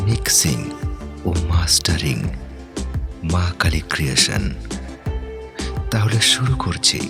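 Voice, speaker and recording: A man with a Bengali accent hosting a channel, giving a slow, measured formal introduction. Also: deep voice. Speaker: channel host. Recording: music bed behind voice.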